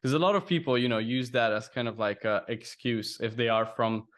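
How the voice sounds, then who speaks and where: A man's voice: medium pitch, brisk, a bit bright. A man hosting a casual interview with his former student, speaking loosely with many fillers. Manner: loose, lots of fillers like "like" and "you know". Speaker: host, business coach.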